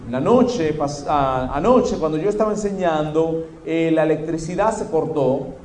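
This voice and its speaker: High-voiced male interpreter in an echoey hall. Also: measured pace, darkish tone. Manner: hesitant, with fillers and restarts while interpreting. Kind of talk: live sermon interpreting. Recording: echoey hall with faint noise.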